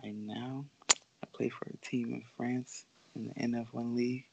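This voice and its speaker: Speaking at a moderate pace in a very deep, flat voice with vocal fry, this young woman guests on a podcast in a casual, laid-back manner and laughs a lot. She plays basketball professionally, comes from the Bahamas, and was raised in Florida. The audio sounds dull and very noisy.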